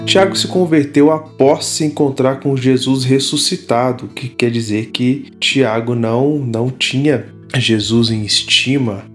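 A man teaching a Bible study series, explaining step by step and often pausing to restart. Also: mid-range voice, fairly even intonation, faint music behind. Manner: explanatory, frequent fillers and restarts.

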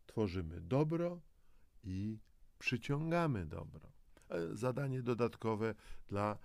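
A man with a fairly low, gravelly, animated voice speaks slowly, recorded without echo. He presents a self-help audio guide as motivational scripted narration, encouraging the listener and addressing them directly.

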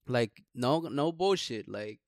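A man's voice: medium pitch, animated, takes it slowly, dry recording. Frat-bro young man, dry close sound. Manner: frat bro, slangy and profane. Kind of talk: casual chat.

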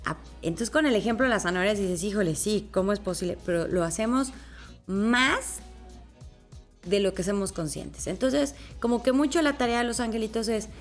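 A woman with a Mexican accent hosting a live stream, greeting viewers warmly and explaining angel messages in a chatty, affectionate way with everyday examples. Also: on the high side, expressive, normal speed, soft background music. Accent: Mexican Spanish. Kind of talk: casual live stream with spiritual guidance.

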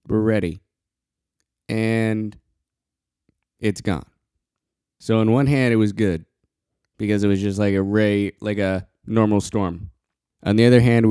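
A quiet man hosting a casual solo podcast, talking in short halting bursts and pausing often for breath. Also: on the low side, clean tone, dry recording, studio quality. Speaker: podcast host.

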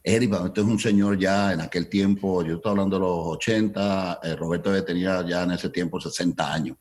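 A man in his sixties from Colombia, a guest telling lively anecdotes in an interview and mixing Spanish and English as he acts out dialogue. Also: sits low, a little fast. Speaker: guest, entertainment entrepreneur. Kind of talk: storytelling in a conversational interview.

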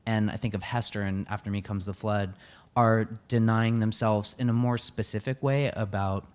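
A man interviewing an author on stage, asking measured questions in a relaxed way. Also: lowish voice, clear, resonant tone.

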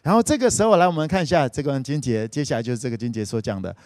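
Male pastor, middle pitch, conversational storyteller, close dry recording. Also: lively intonation, rapid-fire, a little mellow, dry recording. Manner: chatty, retells scripture scenes playfully, sprinkles "OK". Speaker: preacher. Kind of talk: casual storytelling sermon.

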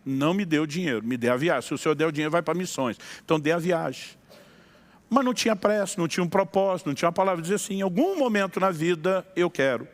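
A middle-aged man preaching a sermon as a storyteller. His voice sits a little high and swings widely as he acts out conversations, often breaking into laughter. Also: very fast. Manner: animated, laughing storyteller acting out dialogue. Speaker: pastor.

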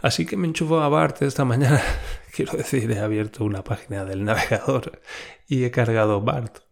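A man's voice: medium pitch, brisk, vocal fry. A man hosting a casual podcast monologue in a chatty way, laughing often and swearing freely. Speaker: podcast host.

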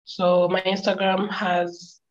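A Ugandan woman, a travel vlogger and podcast guest, answering questions calmly and giving practical advice. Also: lowish voice, slow pace, dull audio. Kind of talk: casual interview answers.

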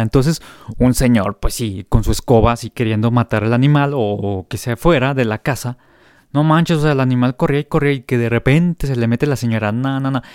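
A man's voice: mid-range voice, a little mellow, smooth, no room sound, clean studio sound. A Mexican man hosting a casual comic news show, chatty and hesitant with frequent fillers.

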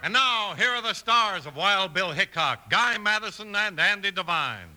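A man's voice: high-pitched, lively intonation, moderate pace, sharp tone. An American man announcing a vintage radio show from a script, with emphatic, showy delivery. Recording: old radio recording over music.

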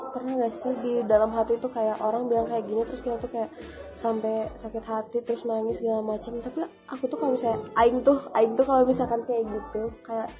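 A young woman shares her feelings in a casual chat, confiding and quick to laugh. Her voice is somewhat high. Music plays clearly behind her. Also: level tone.

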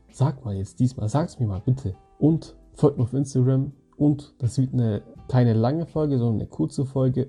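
A young man hosts a podcast solo, telling stories casually in a slangy, rambling monologue and speaking straight to his listeners. His voice is mid-range and mellow with a breathy edge.

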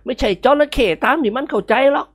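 A woman's voice: high-pitched, fast, husky, voice pushed up. A woman voicing an elderly nobleman who barks stern orders in a storybook reading. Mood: scolding. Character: elderly Thai nobleman, gruff and scolding.

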